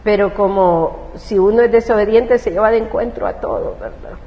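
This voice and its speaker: A woman pastor with a Salvadoran accent tells her testimony in an interview, speaking a little fast in a fairly high-pitched voice. She is an emotional storyteller who speaks with feeling and acts out the words she once said. The recording is roomy and dull, with faint hiss.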